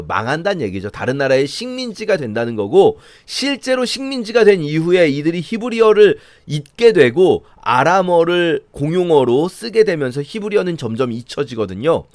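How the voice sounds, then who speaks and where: A man's voice: a little high, dry recording, studio quality. A man, a pastor, explaining a Bible passage in a conversational sermon and acting out mocking voices of the scoffers. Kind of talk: sermon-style Bible reading commentary.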